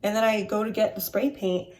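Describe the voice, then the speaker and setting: A woman's voice: mid-range voice, level tone, brisk, a little mellow. A woman hosting her own vlog, chatting animatedly and laughing at her own jokes while telling stories from her desk at home. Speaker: vlogger host. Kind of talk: casual vlog chat.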